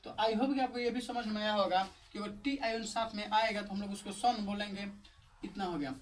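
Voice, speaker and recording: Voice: medium pitch, steady tone, fairly quick. A teacher spelling English words. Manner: spells words letter by letter, asks itself rhetorical questions; explains step by step in a casual, chatty tone. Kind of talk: online video lesson. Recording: voice a little distant from the mic.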